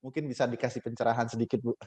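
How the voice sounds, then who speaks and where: A man moderating a seminar, relaying a question to the speaker. His voice is mellow and relaxed, and he hesitates politely with frequent fillers. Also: mid-range voice, racing.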